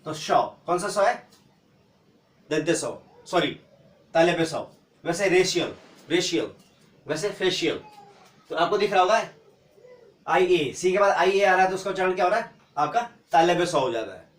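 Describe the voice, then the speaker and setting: A man teaching an English pronunciation lesson, spelling out letters slowly and asking and answering his own questions. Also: high voice, animated, distant mic. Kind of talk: classroom-style phonics lesson. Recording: echoey room, voice from off-mic.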